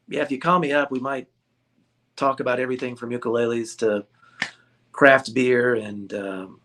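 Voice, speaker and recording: Bright and pushed, this mid-range male voice belongs to a ukulele shop owner from the United States. He's being interviewed and keeps things relaxed, joking around with plenty of laughter.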